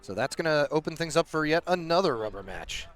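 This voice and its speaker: A man giving brisk play-by-play commentary at an outdoor paintball event, with easy laughs between calls. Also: a little high, expressive. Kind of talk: live sports commentary. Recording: outdoor mic with loud ambient noise.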